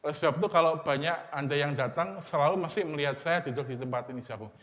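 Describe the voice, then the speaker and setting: A man with an Indonesian accent, a pastor preaching a sermon in casual everyday speech, trailing off softly at the end of phrases. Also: fairly high pitch, very fast. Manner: repeats a term of address after most phrases, fading to a murmur. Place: church hall. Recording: long hall reverb.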